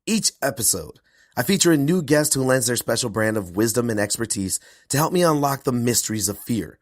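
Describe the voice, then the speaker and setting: A male podcast host and performance coach delivering an earnest intro monologue, his voice hoarse from a cold. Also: medium pitch, fairly quick, dry recording, clean studio sound. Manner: earnest, animated, self-promoting.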